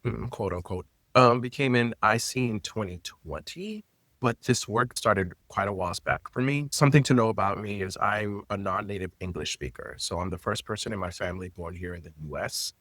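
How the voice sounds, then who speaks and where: In a dry recording, this guest talks fairly quickly in a very low, expressive voice, telling stories in a conversational interview. He is in his late 30s, lives in Florida, grew up speaking Haitian Creole, and works as an intimacy coordinator and teacher; his phrasing is loose, personal, and full of fillers.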